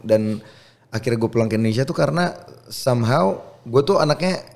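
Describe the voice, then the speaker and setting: A man's voice: mid-range voice, expressive, fairly quick, vocal fry, darkish tone. A middle-aged man, an actor, talks as a podcast guest in casual, slangy storytelling with English phrases mixed in.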